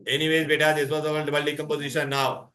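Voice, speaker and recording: Fast, bright-voiced Indian man teaching. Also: on the high side, flat delivery. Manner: mixes Hindi into English, prodding students with repeated questions and endearments. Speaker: chemistry teacher. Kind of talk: interactive revision class.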